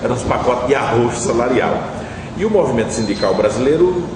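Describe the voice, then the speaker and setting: A middle-aged man, recalling past events in a measured, reflective interview. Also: medium pitch, lively intonation. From Brazil. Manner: measured, reflective, with frequent tag questions. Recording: distant, echoey, noisy room.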